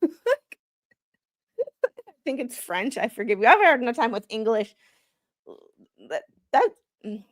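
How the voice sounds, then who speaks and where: A woman hosts a livestream as a non-lawyer commentator, haltingly reading legal filings aloud and chatting about them informally and self-deprecatingly. Her voice is fairly high-pitched and very animated.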